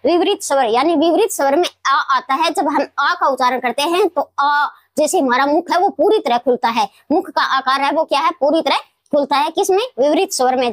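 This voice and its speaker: A woman teacher explaining grammar in a classroom lesson, repeating key words slowly and answering her own questions. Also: sits high, dry recording. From Rajasthan, India. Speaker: Hindi teacher.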